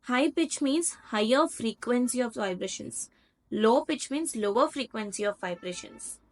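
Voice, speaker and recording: Teaching over slides, an Indian English-accented woman works as an online tutor, walking through a lecture patiently with examples at each step. She talks a little slowly in a fairly high, expressive voice.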